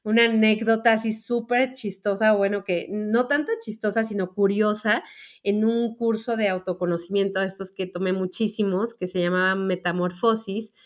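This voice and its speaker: In a casual storytelling monologue, a fortyish woman with a Mexican Spanish accent addresses her audience about feminine energy while recounting something personal. Her voice is medium-pitched and steady at a normal speed, and her chatty delivery is full of fillers and restarts.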